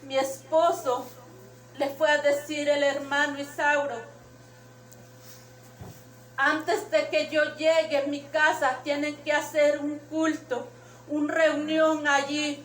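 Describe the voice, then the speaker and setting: A woman's voice: sits high, little pitch movement, slow pace, fairly bright tone. A woman giving an emotional personal testimony in church, retelling her dreams and quoting what was said to her. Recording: echoey room, distant mic.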